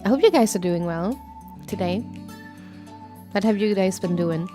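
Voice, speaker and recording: A woman VTuber chatting casually on a live stream, playful and rambling, with sudden squeaky greetings. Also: normal speed, warm tone. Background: faint background music.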